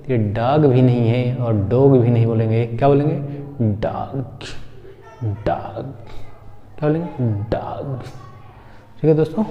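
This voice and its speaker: A man's voice: medium pitch, warm tone. A man teaching English pronunciation in a patient, repetitive way. He says example words aloud and keeps asking the listener how to say them. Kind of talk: Hindi-language pronunciation lesson. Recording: echoey room, dull lo-fi sound.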